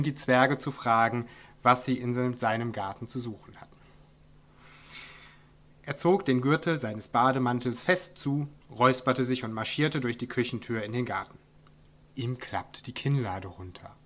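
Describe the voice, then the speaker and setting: Guy reading a funny story out loud, dry wry tone, middle pitch.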